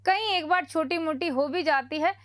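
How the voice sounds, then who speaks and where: A woman gives a coaching lecture in a high, bright voice. She teaches with playful memory tricks and acts out small scenes to drive the facts home. The sound is dry and close to the mic, with no room echo. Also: normal speed.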